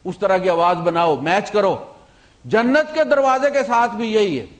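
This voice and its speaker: A man preaching a storytelling sermon, swinging between loud emphasis and quiet asides, with English words mixed into his talk. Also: high voice. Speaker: Islamic preacher.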